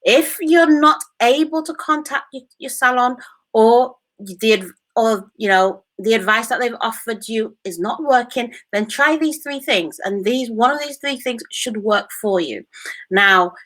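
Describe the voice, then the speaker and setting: A woman with a British accent presenting a casual hair-care tutorial, talking in a calm, reassuring way with many "you know"s. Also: on the high side, measured pace. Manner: reassuring, repetitive, uses fillers like "you know".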